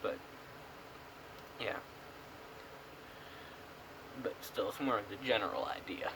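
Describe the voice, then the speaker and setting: His voice sits on the low side and moves fast as the young American reviewer chats casually on camera, a pouch lodged in his upper lip. The small indoor room comes through on the camera mic, which is clear despite background noise.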